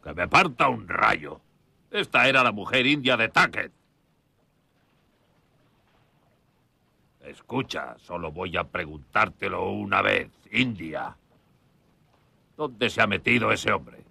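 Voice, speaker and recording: A man playing a gravelly, vengeful frontier father. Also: on the low side, animated, a little slow, pushed and bright, no echo, full character voice. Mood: harsh. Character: wounded vengeful frontier father, harsh and commanding. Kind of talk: dubbed film acting.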